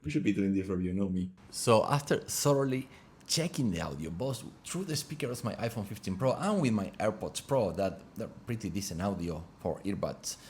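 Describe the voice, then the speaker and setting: Talking through his test of a small wireless lav mic at home, the reviewer keeps things chatty and loosely phrased, with a window open in the room. He speaks at a normal speed in a lowish, darkish voice with lively intonation.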